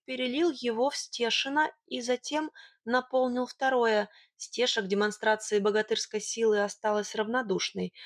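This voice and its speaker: A woman narrating a first-person storybook in a lively, expressive way. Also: a little high, husky, no echo, clean studio sound. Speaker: audiobook narrator.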